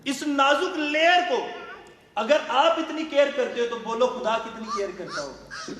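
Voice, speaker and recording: A male pastor preaching a fervent sermon. He keeps asking the congregation questions and suddenly shouts certain words for emphasis. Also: very high-pitched, expressive, background noise. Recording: echoey hall, voice far from the mic.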